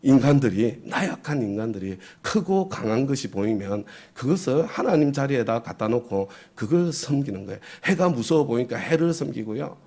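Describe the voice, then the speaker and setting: Mellow-voiced man preaching to a congregation. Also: mid-range voice, expressive, normal speed, few pauses. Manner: asks the congregation rhetorical questions, tag "그죠?". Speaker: pastor. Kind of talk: early morning sermon.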